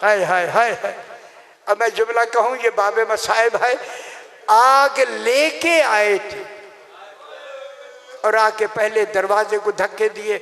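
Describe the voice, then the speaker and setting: A man's voice: high-pitched, takes it slowly, pauses often, a bit bright. A male preacher giving a mourning sermon with a Punjabi-influenced Urdu accent, wailing and drawing out his lines in a lamenting delivery. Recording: hall reverb.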